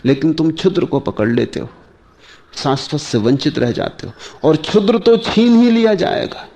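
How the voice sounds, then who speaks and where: A man delivers a spiritual discourse in a slow, measured way, with long pauses between short phrases. His voice is mellow and dark, with a gravelly edge. He often turns to his listeners with rhetorical questions. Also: on the high side, animated. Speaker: spiritual teacher.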